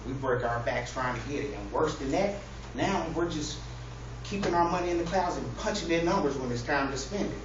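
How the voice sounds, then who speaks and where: His voice sits a little high, with lively intonation and a fairly quick pace. This public speaker delivers a funny, casual speech to an audience, playing at being an earnest preacher. The setting is an echoey indoor room with listeners, recorded distantly with lots of echo, noise and muffling.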